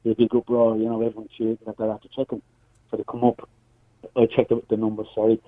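Dublin male phone-in guest: husky, fast, even-pitched, casual and unpolished, tinny narrow line. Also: dry recording. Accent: Dublin Irish. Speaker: phone-in guest, community worker.

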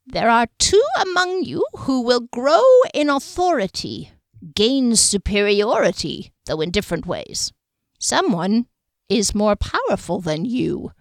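A woman's voice: fairly high pitch, big pitch swings, no echo, clean studio sound, voice pushed up. A woman doing a nasal, sibilant male diviner. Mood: knowing. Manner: slow, drawn-out, knowing pronouncements.

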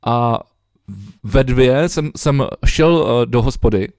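A man's voice: mid-range voice, darkish tone, dry recording, studio quality. A young man co-hosting a podcast over a remote call, chatting loosely with lots of swearing and fillers. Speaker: podcast co-host. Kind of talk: casual chat.

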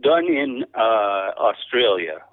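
Halting, gravelly man with a lively swinging pitch. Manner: halting, rambling, folksy storyteller. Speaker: cowboy poet, podcast guest. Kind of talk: casual interview chat. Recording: thin band-limited radio or phone-like sound.

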